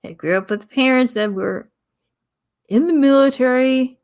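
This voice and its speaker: Slow, rambling woman podcaster. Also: high-pitched, a little mellow. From American South. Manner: rambling, pauses often, sighs. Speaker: podcast host. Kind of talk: casual solo podcast talk.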